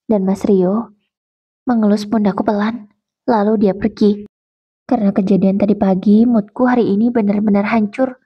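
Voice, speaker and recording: A woman narrating a first-person story in a calm, measured way. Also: mid-range voice, husky. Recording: dull lo-fi recording.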